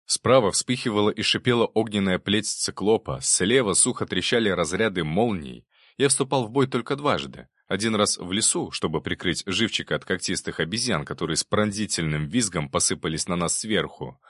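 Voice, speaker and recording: A man narrating an audiobook in a steady, even storytelling manner. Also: low-pitched, moderate pace, hardly any pauses, no echo, studio quality.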